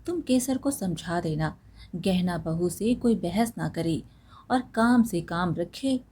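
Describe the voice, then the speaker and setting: A woman's voice: fairly low pitch, lively intonation, takes it slowly, darkish tone, slightly rough, full character voice. A woman voicing a stern, bossy middle-aged mother-in-law who speaks in a curt, commanding way.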